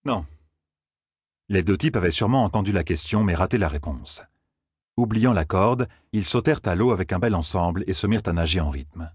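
A man reading a fantasy novel aloud as an audiobook narrator, with expressive storytelling. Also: sits low, a little fast, slightly rough, dry recording, studio quality. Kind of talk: scripted narration.

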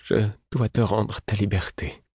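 A man voicing a frail, grieving male jester who speaks in a broken, trembling hush. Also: on the low side, a little slow, slightly rough, dry recording, clean studio sound, voice pushed up. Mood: pleading.

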